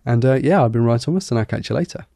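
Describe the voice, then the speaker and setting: A man's voice: mid-range voice, expressive, very fast, vocal fry, warm tone, no room sound, studio quality. A man reviewing a music player, talking candidly and thinking aloud, his voice nasal from a cold. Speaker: tech reviewer. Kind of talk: casual product review.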